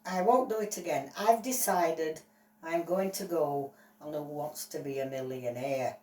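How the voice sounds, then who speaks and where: A woman voicing an excitable male dog on trial, gushing and apologetic in a playful toy-play story. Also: low voice, measured pace, far from the mic, voice pushed down. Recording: roomy echo, voice off-mic.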